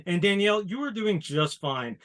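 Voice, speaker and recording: A man's voice: high voice, expressive, normal speed, a bit bright. A man hosting an interview, chatting casually and laughing often. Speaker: interview host.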